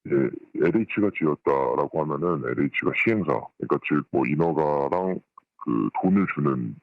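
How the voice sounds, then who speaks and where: A voice pushed artificially deep by pitch-shifting to hide who is speaking, sitting at the very bottom of the range. It arrives thin and narrow over a phone line, dry and close. The speaker explains things step by step, calmly, with hesitant fillers between thoughts. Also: fairly quick, vocal fry, no room sound. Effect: voice deepened by pitch-shifting disguise. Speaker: anonymous former employee interviewed by phone. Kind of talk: interview answers.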